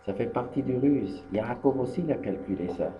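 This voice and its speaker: A rabbi from Tunisia gives a Torah lesson, telling the story in a lively way, acting out the dialogue and repeating the key phrases. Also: male voice, mid-range voice, normal speed, echoey room. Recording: dull lo-fi archive recording with faint hum.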